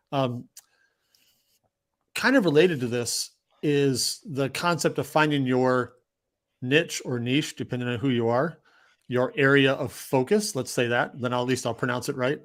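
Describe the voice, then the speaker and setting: A man hosts a live online interview in a relaxed, conversational way. He speaks at a medium pitch over a video call. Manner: friendly, conversational, with short agreements. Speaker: host. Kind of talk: casual live-stream interview.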